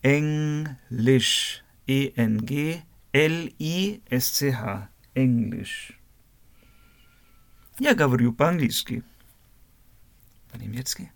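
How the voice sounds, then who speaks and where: A German man teaches a language lesson slowly, spelling out words letter by letter and repeating phrases. His mid-range voice is expressive and creaky.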